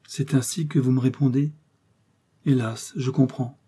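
A man's voice: mid-range voice, fairly even intonation, measured pace, warm tone, slightly rough, pitched above the performer's own voice. A man doing a plaintive, jealous lawyer's wife. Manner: plaintive, sighing. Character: jealous, pleading middle-aged lawyer's wife.

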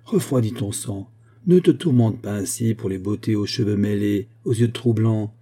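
A man voicing a worldly café owner in a read-aloud story, speaking in a soothing, gruff, compassionate way. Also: on the low side, normal speed, dark tone, natural voice.

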